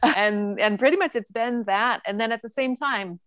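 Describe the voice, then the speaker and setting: A woman in her forties from Northern California, a guest chatting casually in an interview, self-deprecating and quick to laugh. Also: on the high side, fairly bright tone, no room sound. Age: 40s. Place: home with the lights off.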